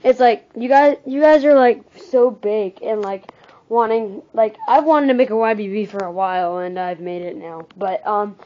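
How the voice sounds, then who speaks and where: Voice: mid-range voice, moderate pace, warm tone. A YouTube creator giving a casual, rambling channel update through a voice changer app filter. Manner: rambling, full of "um" and "like". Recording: dull lo-fi phone app recording.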